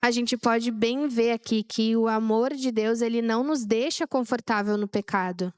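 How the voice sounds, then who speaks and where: A woman's voice: a little high, moderate pace, darkish tone, smooth, no room sound, clean studio sound. A young woman preaching a sermon, chatty and sharing personal stories with the congregation.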